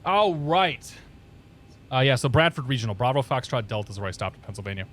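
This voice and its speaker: A man's voice: medium pitch, expressive, a little fast, fairly bright tone. A man hosting a flight simulator livestream, chatting casually and thinking aloud to his viewers.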